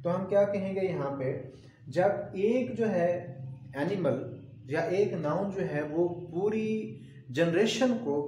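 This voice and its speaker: A man's voice: on the high side, dark tone. A male English teacher giving a grammar lesson, explaining step by step and answering his own questions. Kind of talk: classroom grammar lecture. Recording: very echoey room.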